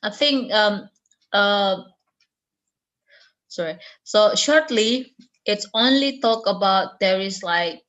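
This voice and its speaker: Slow, hesitant woman co-teacher. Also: mid-range voice, fairly bright tone, dull audio. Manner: careful, hesitant, searching for words. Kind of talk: online class instruction.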